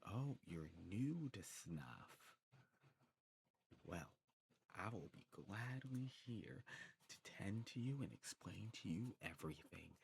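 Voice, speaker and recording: A man plays an eager demon who runs a snuff shop in an ASMR role-play, welcoming the listener warmly. His voice is lowish and a bit mellow, with vocal fry and lively intonation, and he speaks slowly, explaining things in a rambling, informal way over slight hiss or hum.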